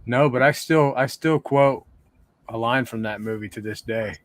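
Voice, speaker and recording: A man's voice: mid-range voice, moderate pace, no echo. Man, mid voice, laid-back, casual podcast chat, dry close sound. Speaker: podcast co-host.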